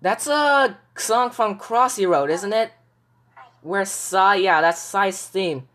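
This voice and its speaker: A woman giving casual reaction commentary, chatty and reminiscing. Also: medium pitch. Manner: chatty, reminiscing, quick laughs. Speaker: video reactor. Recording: voice over loud background music.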